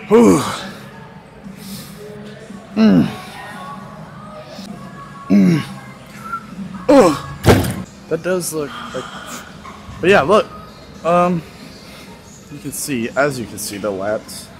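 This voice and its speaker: The audio is poor as this twenty-something fitness vlogger rambles through a casual gym walk-and-talk, with loud music behind him and a phone camera on a nearby tripod. His fairly high, animated voice drags out words with vocal fry and long pauses, and he laughs often.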